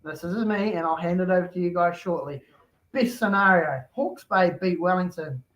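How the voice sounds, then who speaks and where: A man hosts a casual chat in an easygoing, matey manner. His voice sits quite high for a man. The recording sounds dull and lo-fi. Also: moderate pace, a bit bright. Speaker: host.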